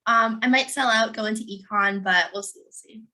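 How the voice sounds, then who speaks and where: A woman's voice: a little high, steady tone, fairly quick, pushed and bright. A young woman from Mississauga, a first-year student panelist on a video call, offhand and wry. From Mississauga, Canada. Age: young adult.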